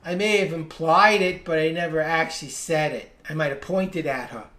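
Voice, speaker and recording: A reading skills instructor leads a live webinar in a patient, explanatory way. The voice sits at an ordinary middle pitch and leans on single words for emphasis. A roomy echo hangs around every phrase. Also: moderate pace, pushed and bright.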